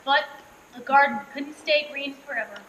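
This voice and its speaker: A woman's voice: sits high, normal speed, fairly bright tone, muffled recording. A woman playing an earnest, syrupy TV-movie narrator, giving mock-sentimental narration in a dramatic way. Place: theatre stage. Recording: roomy stage, faint noise.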